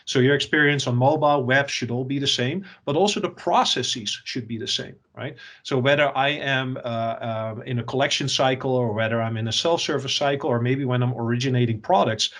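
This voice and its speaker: A Dutch software company executive from the Netherlands answers interview questions, frequently pausing with fillers and repeating words. He has a Dutch accent and a mid-range, slightly bright voice.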